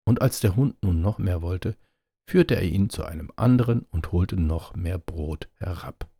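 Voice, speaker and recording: A man reading a fairy tale aloud in a steady storytelling manner. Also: sits low, a little slow, creaky, husky, no echo, clean studio sound. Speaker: narrator.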